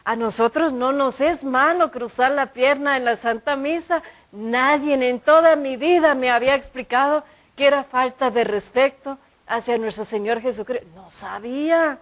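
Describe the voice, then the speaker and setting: A woman preacher, telling a story from her life as a sermon and acting out the dialogue in a lively way. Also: sits high, moderate pace, rough recording. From United States.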